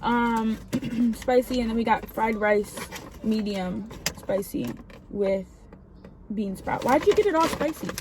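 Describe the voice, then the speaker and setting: Chatty girl doing a food vlog in the car, kinda high voice, noisy background. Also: slow. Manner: chatty, playful. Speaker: vlogger. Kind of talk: casual mukbang chat. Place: parked car.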